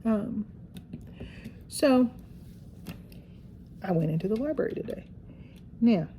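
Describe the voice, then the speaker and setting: A woman's voice: mid-range voice, warm tone, a little hiss or hum. A middle-aged woman chatting casually while crafting, a rambling storyteller with folksy phrases. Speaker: craft vlogger.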